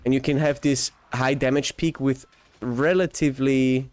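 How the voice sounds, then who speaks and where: An Austrian-born man chats casually while live-streaming a game, his medium-pitched voice steady, a little mellow, and moderately paced. He rambles enthusiastically, laughing often and frequently restarting or correcting himself.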